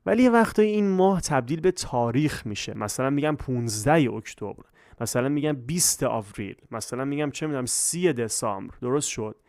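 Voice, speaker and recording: A man's voice: mid-range voice, lively intonation, a little mellow, no room sound. Male English tutor with a Persian accent, patient explainer, dry close recording. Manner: repeats check questions, slows down for English examples. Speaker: English teacher. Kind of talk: grammar lesson in Persian.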